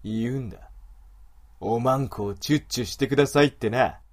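A man's voice: medium pitch, moderate pace, close to an everyday voice. A man voicing a sneering wolf creature. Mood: leering, commanding. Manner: rough, sneering, commanding. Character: domineering, mocking male wolf creature. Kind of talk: adult audio drama.

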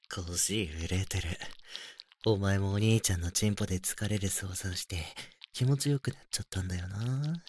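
A man voicing a doting, teasing older brother in a whispered role-play, speaking in a low, intimate murmur. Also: a little mellow, slight background noise. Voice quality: breathy. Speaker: voice actor.

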